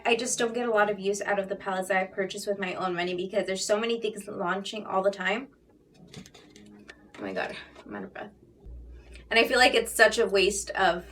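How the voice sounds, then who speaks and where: A woman's voice: medium pitch, fairly bright tone, recorded from a distance, slight background noise. A woman beauty vlogger chatting casually and directly to her viewers about makeup. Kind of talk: casual makeup vlog talk.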